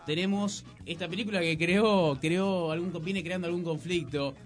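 An Argentine man reviewing new films on a radio show, relaxed and full of hesitant fillers. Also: high-pitched, moderate pace, soft background music. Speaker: film critic on a radio show.

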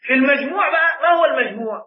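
A man's voice: very high voice, expressive, very fast. A man with an Egyptian accent teaching a religious law class as a sheikh, quizzing his students and repeating key words back to them. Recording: tinny phone-like sound in an echoey room.

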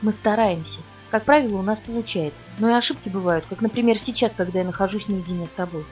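A woman voicing a calm, guarded young-looking male vampire with a dry ironic edge in an audiobook. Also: medium pitch, fast talker, far from the mic, soft background music, close to an everyday voice. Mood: cold.

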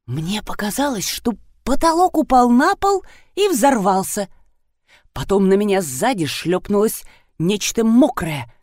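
A woman narrating a comic audiobook in an expressive, storytelling manner. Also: mid-range voice, unhurried, no room sound, clean studio sound. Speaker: audiobook reader.

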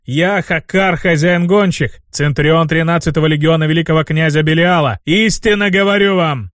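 A man's voice: a little high, normal speed, fairly bright tone, no room sound, lightly acted. A haughty demon lord, as a man reads him, barking commands with contempt in a slightly raised voice. The audiobook sound is dry and close. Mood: commanding. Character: imperious male demon, roaring and haughty.

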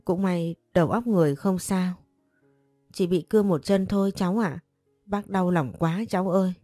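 A grief-stricken older mother, voiced by a woman storyteller, speaks through tears in slow, broken phrases. Her voice is low and mellow and sits in a dry room over faint music. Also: no echo, lightly acted. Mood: grieving. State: tearful. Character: grieving, weeping older mother.

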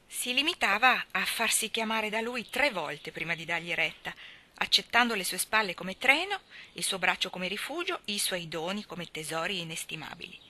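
Female audiobook reader, sharp bright tone, expressive and measured. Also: lowish voice. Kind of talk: audiobook reading of a classic novel.

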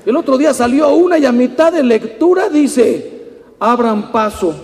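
Mexican priest with a gravelly voice in a hall. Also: male voice, very high voice, normal speed, a little hiss or hum. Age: 50s. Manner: storytelling, animated, mimics people in quotes. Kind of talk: conference talk with anecdotes. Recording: long hall reverb.

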